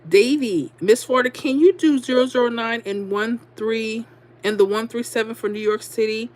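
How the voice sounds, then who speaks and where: A woman's voice: fairly high pitch, normal speed, a little mellow. Middle-aged woman on a livestream, chatty, laughing, southern slang, from louisiana. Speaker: livestream host. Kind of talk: casual livestream chat reading comments.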